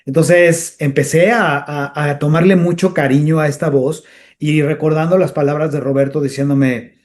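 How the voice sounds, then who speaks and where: A man chats as a guest in a relaxed interview. He tells stories with lively energy and now and then dips into character voices. His voice sits a touch higher than most men's. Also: moderate pace. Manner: animated storyteller who slips into character voices. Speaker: comedian and voice actor, guest. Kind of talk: casual interview chat.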